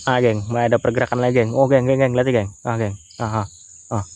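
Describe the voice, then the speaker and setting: A man's voice: medium pitch, steady tone, fast, a little mellow, slight background noise. Young man, casual fishing vlog, outdoors, crickets chirping behind. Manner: chatty, says "geng" after nearly every phrase. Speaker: fishing vlogger. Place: outdoors by water in the countryside. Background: crickets and insects.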